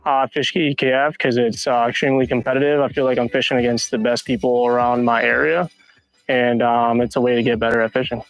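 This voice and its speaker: A young man from Massachusetts, a kayak angler answering quickly and casually, with lots of fillers. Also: medium pitch, little pitch movement, no room sound, poor audio. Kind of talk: interview answer.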